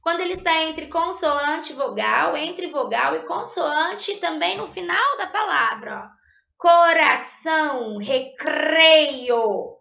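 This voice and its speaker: High bright-voiced woman teaching spelling. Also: animated. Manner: patient, tags sentences with "tá?"; sounds out syllables slowly and clearly. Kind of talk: recorded Portuguese spelling lesson. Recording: lo-fi echoey room.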